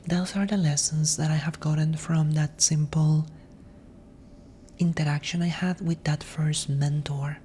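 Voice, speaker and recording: A woman gives a gentle ASMR monologue in a mellow, slightly low voice. She speaks very slowly and reflectively, breathy and often slipping into a whisper. A faint low rumble sits behind her. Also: fairly even intonation. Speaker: ASMR host.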